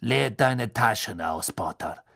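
A man's voice: fairly high pitch, animated, vocal fry, voice pushed up, full character voice. Snape, a man reading as a sneering schoolmaster. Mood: threatening. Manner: slow, hissing, contemptuous. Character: cold sneering male schoolmaster, menacing.

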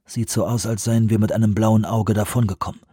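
A man voicing a tired, grim male scientist who speaks quietly, with a husky voice. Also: fairly low pitch, little pitch movement, fairly quick, no echo, studio quality. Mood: resigned. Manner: quiet, subdued.

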